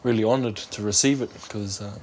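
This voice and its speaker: A young adult man with a New Zealand accent, an aspiring rugby player, is interviewed in a small bedroom, speaking casually and earnestly with some hesitancy. His voice is fairly low, steady, fairly quick and slightly mellow, with faint background noise.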